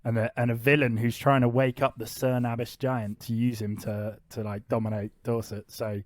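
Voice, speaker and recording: Chatty podcast host. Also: male voice, mid-range voice, level tone, no echo. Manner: chatty, laughs often, explains things quickly. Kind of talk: casual comedy podcast chat.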